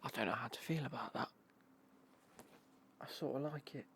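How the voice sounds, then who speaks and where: A British man whispering in a casual, rambling ASMR unboxing style, breathy and hushed, with dry, understated commentary. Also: normal speed, a little hiss or hum. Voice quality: breathy, hushed whisper with creaky low murmur. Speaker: ASMR vlogger showing golf clothing.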